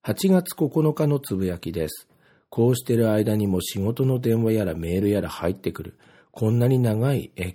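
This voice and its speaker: A man's voice: lowish voice, dark tone, breathy edge. A man from Ibaraki talking casually on his own, reading his posts aloud and rambling with plenty of filler words. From Ibaraki, Japan.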